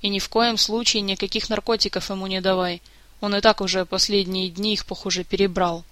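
A woman reading the part of a brisk, grumbling woman giving firm orders. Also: medium pitch, flat delivery, fairly bright tone, dry recording, natural voice. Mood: bossy. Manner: grumbling, commanding.

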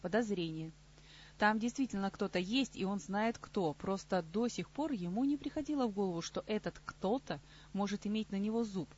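A woman's voice: mid-range voice, animated, moderate pace, darkish tone, natural voice. A woman voicing a blunt young male telepath in an audiobook, curt and grumbling, on slightly muffled audio. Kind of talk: audiobook character reading.

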